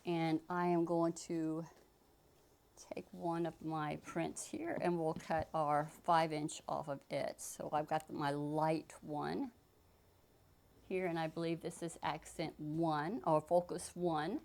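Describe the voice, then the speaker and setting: A sewing instructor gives a casual how-to demonstration, chatting through each step as she works with fabric and often restarting her sentences. Her low voice is slow, creaky, a little mellow, and barely moves in pitch.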